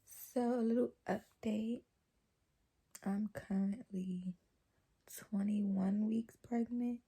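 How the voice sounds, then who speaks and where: A young adult woman vlogger with a naturally low, slightly rough voice chats casually to a camera held close to her face. She talks softly, slowly, and in a steady tone, rambling with lots of fillers.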